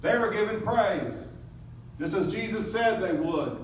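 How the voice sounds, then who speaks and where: A man's voice: high voice, animated, a little slow, slight background noise. A man preaching a sermon in a dramatic way, acting out voices from the crowd and lamenting. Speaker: pastor. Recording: echoey room, from a distance.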